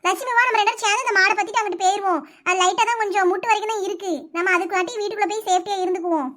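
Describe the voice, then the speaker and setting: A woman's voice: extremely high pitch, steady tone, racing, fairly bright tone. A woman doing a soothing neighbor auntie. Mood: reassuring. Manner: soothing, bossy. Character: kind older village neighbor woman, reassuring. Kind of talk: cartoon voice acting.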